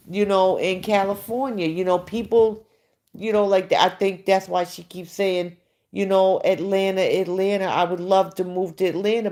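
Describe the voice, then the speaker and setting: This livestream host speaks with a fairly low, slightly mellow female voice. Bluntly and with plenty of profanity, she dishes casual gossip and answers back to the people watching.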